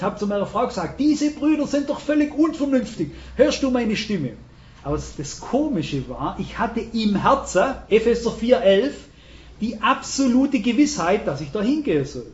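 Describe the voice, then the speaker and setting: An older man preaches, his voice high. He tells his story earnestly and leans into emphatic rises. The recording is roomy and dull, like a hall. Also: slight background noise. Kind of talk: sermon.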